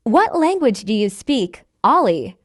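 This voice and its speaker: A woman reads the part of a friendly female learner in a scripted practice dialogue, her voice high and lilting with big pitch swings. Very slow and carefully enunciated, she says each line twice, and the studio sound is clean with no echo.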